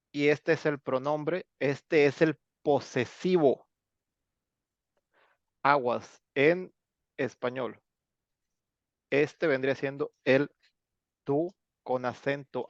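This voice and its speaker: Mexican guy teaching english online, raspy fry in his voice, chatty, lots of fillers, dull muffled audio. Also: mid-range voice, dry recording. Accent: Mexican Spanish. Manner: chatty, explanatory, many fillers. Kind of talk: online class lecture.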